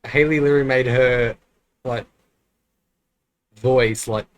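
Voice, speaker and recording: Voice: mid-range voice, steady tone, slow pace, no room sound. An easygoing game master chatting casually before a tabletop session, laughing often.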